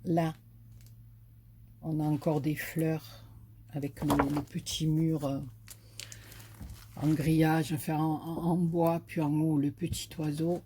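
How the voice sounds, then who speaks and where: Woman, Marseille accent, slow-paced, mellow tone, hesitant haul chat, filler-heavy. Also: low-pitched, level tone, slight background noise. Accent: Marseille French. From southern France. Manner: hesitant, full of fillers and "voilà"; enthusiastic about paper designs. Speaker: craft vlogger. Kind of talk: casual haul video chat.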